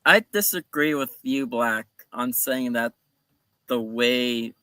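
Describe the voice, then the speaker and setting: A man's voice: medium pitch, takes it slowly, bright, forceful tone, dry recording. A man on a casual panel podcast, pushing back on a point with insistent, rambling arguments. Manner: insistent, hedging with "like".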